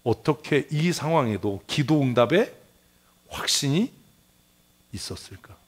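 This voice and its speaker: A middle-aged male pastor giving a Sunday sermon in a lively way, acting out quoted voices and asking the congregation questions. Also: medium pitch, a little slow, husky. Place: church sanctuary.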